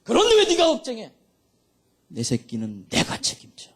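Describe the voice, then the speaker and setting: The voice of God, loud and commanding, booming over the congregation, as a preacher puts it on. It climbs high and swings widely in pitch. A fatherly, thundering tone. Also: sing-song, normal speed. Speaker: pastor. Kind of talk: sermon.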